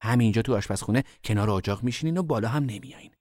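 A man voicing a stern mother who scolds her children in a hushed, firm voice. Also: fairly low pitch, no room sound, studio quality, close to an everyday voice. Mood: scolding.

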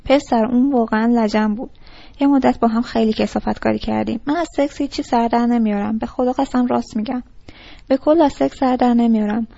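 A woman's voice: a little high, fairly even intonation, gravelly, warm tone, no room sound. A woman reading a first-person audiobook narration in a casual, slangy, confiding storytelling manner. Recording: dull lo-fi recording.

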